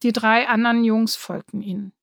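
Brief: woman storybook reader, calm and even, dry close sound. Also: a little high, moderate pace, dry recording. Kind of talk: scripted storybook narration.

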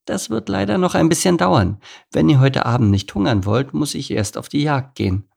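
A man's voice: fairly high pitch, lively intonation, normal speed, gravelly, darkish tone, pitched above the performer's own voice, heavily acted. A man voicing a bossy but caring lioness mother in an audiobook story. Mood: calm. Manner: scolding, commanding.

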